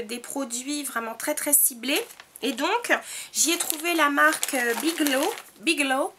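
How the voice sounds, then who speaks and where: High-voiced woman reviewing beauty buys. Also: fairly bright tone. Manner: hesitant, many fillers and restarts. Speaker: beauty vlogger. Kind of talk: casual product haul review.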